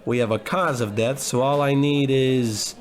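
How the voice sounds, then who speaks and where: Lightly acted, with a medium pitch, fairly even intonation and a measured pace, a man narrates and plays the lead in a comedic old-time radio noir drama. His role is a cocky, hard-drinking, hapless private detective, stubborn and brash, who trades in wisecracks and melodramatic monologue.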